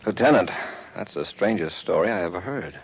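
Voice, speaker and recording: An actor playing a clipped, authoritative space patrol commander in a 1950s radio serial. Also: male voice, sits low, animated, fairly quick, breathy edge, exaggerated voice. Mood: probing, serious. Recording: noisy, dull 1950s radio recording.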